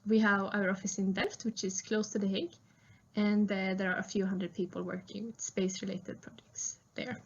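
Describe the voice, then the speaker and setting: A woman's voice: mid-range voice, level tone, moderate pace, gravelly, husky. Young Swedish woman, engineer presenting a recorded talk, friendly, lots of "uh", muffled lo-fi sound. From Sweden. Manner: friendly, frequent "uh" fillers. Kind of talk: prerecorded conference talk.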